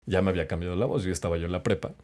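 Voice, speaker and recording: A middle-aged man with a Mexican accent, a voice-over announcer, telling animated stories and acting out the people in them as a podcast guest. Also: deep voice, rapid-fire. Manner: animated anecdote-teller, acts out quotes. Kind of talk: casual storytelling chat.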